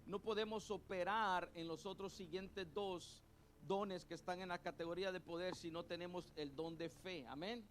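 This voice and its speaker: A middle-aged male pastor preaching a sermon, leading the congregation to repeat terms after him and repeating his points slowly. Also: high voice, steady tone, a little hiss or hum. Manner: call-and-response teaching, has the congregation repeat terms; spells out words letter by letter and repeats points slowly.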